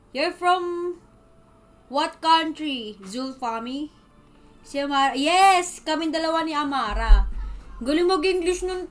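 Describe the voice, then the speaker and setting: A Filipino woman with a Filipino accent hosts a casual livestream, chatting away as she reads viewers' comments aloud and responds to them. Her voice sits high and sounds fairly bright.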